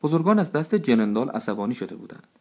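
A man narrating a storybook in a steady, measured way. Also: mid-range voice. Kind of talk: scripted narration.

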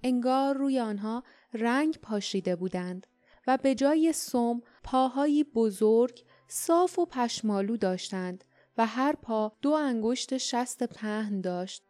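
A woman narrating an audiobook in a steady, measured storytelling manner. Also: a little high, no room sound, soft background music. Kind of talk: scripted narration.

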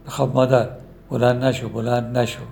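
A man voicing a caring middle-aged mother who keeps urging her son to marry, in a gravelly storybook reading. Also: medium pitch, level tone, a little mellow, faint music behind, lightly acted. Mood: gentle. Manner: fussing, pleading.

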